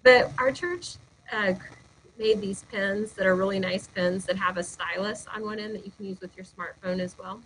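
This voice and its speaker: A woman's voice: mid-range voice, steady tone, normal speed, fairly bright tone, a little hiss or hum, poor audio. A woman pastor telling heartfelt personal stories in an interview, earnest and speaking with frequent fillers. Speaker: lead pastor. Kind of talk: personal storytelling in a webinar interview.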